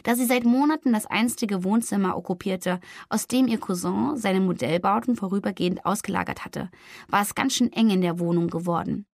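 A woman reading a novel aloud in calm, measured scripted narration. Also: mid-range voice, vocal fry, no echo, clean studio sound. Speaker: audiobook narrator.

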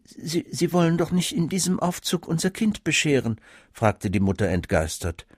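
A man voicing an indignant middle-aged mother, pushing his voice higher and sounding shrill. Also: steady tone, normal speed, a little mellow, no echo, clean studio sound.

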